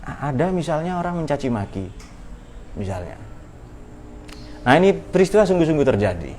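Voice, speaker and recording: A man's voice: fairly high pitch, very animated, moderate pace, darkish tone, slight background noise. A man giving an informal religious study talk, conversational and playful, with many rhetorical questions. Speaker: Islamic religious teacher.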